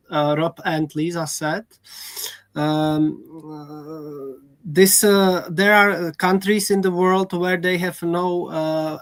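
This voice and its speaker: A middle-aged woman from the Czech Republic with a Czech accent, giving panel remarks in a halting way, searching for words. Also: sits low. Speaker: teacher, panel speaker.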